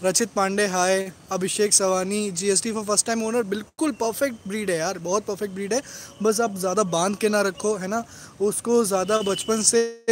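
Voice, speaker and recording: A man's voice: high voice, a little hiss or hum. A man hosting a casual live stream about his dogs, rattling off greetings to commenters and often adding "right?" tag questions. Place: at home among his dogs.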